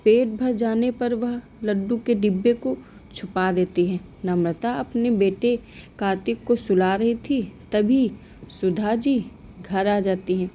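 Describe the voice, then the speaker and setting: A woman narrating a scripted moral story in a calm, even storytelling manner. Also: medium pitch, slow, a little hiss or hum.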